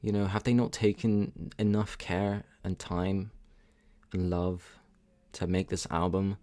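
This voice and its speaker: A man with a deep, low-pitched voice talks through his thoughts on a track. He hesitates often, fills pauses with ums, restarts his sentences and weighs his opinions candidly. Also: flat delivery, mellow. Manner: hesitant, many ums and restarts, thinking aloud. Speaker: music reaction channel host. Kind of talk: casual spoken music review.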